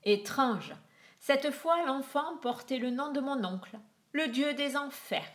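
A woman's voice: high voice, animated, takes it slowly, pitched above the performer's own voice. Woman doing a young messenger god, puzzled, thinking aloud.

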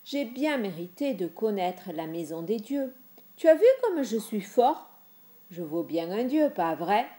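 A woman's voice: medium pitch, big pitch swings, a little slow, mellow. A woman voicing a boastful, arrogant young man who demands to be treated like a god. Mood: pleading. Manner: pleading then arrogant and demanding.

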